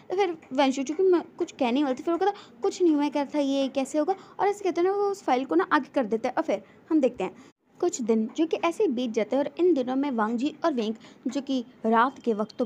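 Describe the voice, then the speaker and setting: A woman's voice: high-pitched, a little mellow. A woman casually narrating a fan fiction story, quoting each character's lines in turn. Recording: dull lo-fi audio with faint noise.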